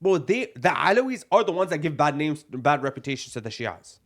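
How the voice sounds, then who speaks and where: Young man, podcast co-host, fairly high voice, blunt and heated, says "bro" a lot. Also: big pitch swings, brisk, fairly bright tone. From Palestine. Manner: blunt and emphatic, repeats "bro" and Arabic phrases.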